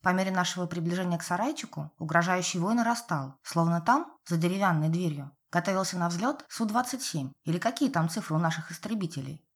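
A woman narrating a novel aloud in a wry, lively storytelling manner. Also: fairly low pitch, quick pace, hardly any pauses. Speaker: audiobook narrator.

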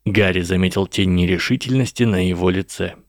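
A man narrating a story aloud in an even, measured way on a close mic. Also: deep voice, no room sound. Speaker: audiobook narrator.

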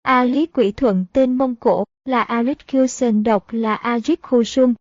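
A woman's voice: fairly high pitch, unhurried, no room sound. A woman reading a historical novel aloud as narrator, going steadily through story passages and endnotes. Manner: steady reading, also of notes and citations. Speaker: audiobook narrator. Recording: dull lo-fi audiobook recording.

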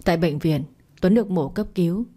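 Woman reading a story aloud, low and mellow, kinda husky. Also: a little fast. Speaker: narrator. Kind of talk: storytelling narration.

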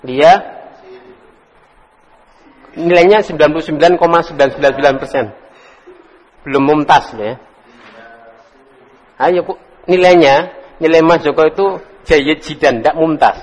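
A man teaching Arabic speaks in a fairly high voice at a measured pace, leaving long pauses. He drills students on words, names them casually and chuckles, recorded in a hall full of echo.

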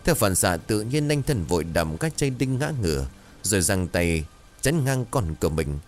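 A man narrating a scripted horror story in a dramatic, expressive way. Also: sits low, normal speed, faint music behind.

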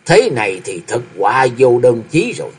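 A man's voice: mid-range voice, sing-song, normal speed, breathy edge. A man voicing a stern old male martial arts master, half-paralysed and over fifty, who speaks in a grave, commanding way and often sighs.

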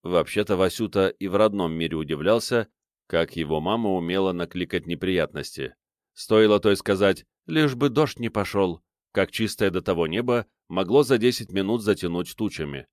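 A man's voice: low voice, moderate pace, no room sound, studio quality. A man narrating an audiobook in scripted narration, reading expressively.

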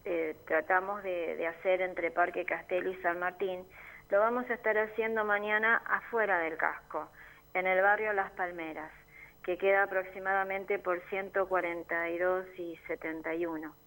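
In a community radio studio, a woman from a neighborhood assembly earnestly describes what her group does, her Argentine Spanish full of fillers as she explains. Her voice sits fairly low and a bit bright, with fairly even intonation at a moderate pace. The audio is poor.

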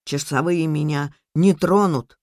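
A woman's voice: low-pitched, a little slow, no echo, studio quality, voice pushed down. A woman voicing an old dying soldier, boastful. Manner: loud barked commands.

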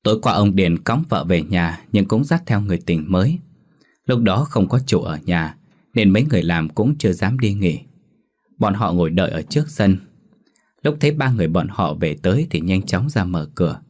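A man with a very low voice reads a scripted ghost story aloud. He voices every character himself. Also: expressive, normal speed, a little mellow. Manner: plays all the characters himself. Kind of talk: scripted horror story narration.

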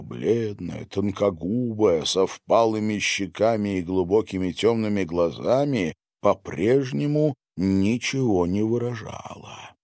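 Низкий неспешный мужской голос чтеца. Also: male voice, sits low, no room sound, clean studio sound. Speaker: audiobook narrator. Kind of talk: scripted narration.

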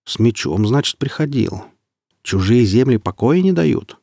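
A man's voice: mid-range voice, expressive, unhurried, creaky, a little mellow, no echo, studio quality, pitched above the performer's own voice. A man reading the part of an earnest young man of conscience who speaks in an indignant, sincere way.

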